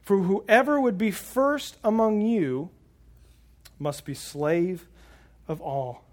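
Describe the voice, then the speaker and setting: A pastor preaches a sermon to a congregation, picked up by a wireless lapel mic pack. His voice is high-pitched and his pace slow; he is earnest and often repeats words as he begins a thought.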